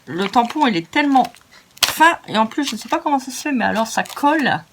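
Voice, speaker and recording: A woman's voice: on the high side, lively intonation, fairly quick, noisy background. A French-speaking woman hosting a crafting tutorial, chatty and self-mocking as she narrates each step. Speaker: craft video host.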